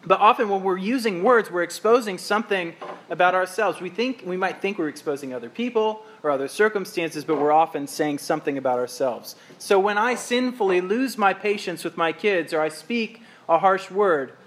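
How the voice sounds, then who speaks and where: High-voiced man preaching a sermon. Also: animated, moderate pace, fairly bright tone. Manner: earnest, reflective, conversational preaching with scripture readings. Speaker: pastor.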